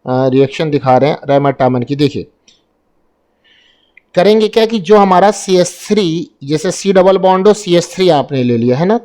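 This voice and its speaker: Hindi-speaking man teaching chemistry, high voice. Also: animated, normal speed, darkish tone. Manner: asks and answers his own questions, repeating key terms. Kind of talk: exam-prep lesson explaining reactions.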